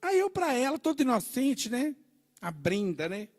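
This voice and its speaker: A middle-aged man preaching his testimony in a church, telling his story in an animated way and often turning to the congregation. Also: extremely high pitch, moderate pace. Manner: animated storytelling, acting out dialogue; addresses the congregation with "né" and "gente". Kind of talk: testimony sermon.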